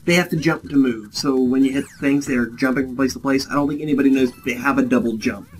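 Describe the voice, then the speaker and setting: A man's voice: medium pitch, fast talker, soft background music. A young man giving casual gameplay commentary as co-host, explaining tips with hesitant restarts. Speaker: let's play co-host.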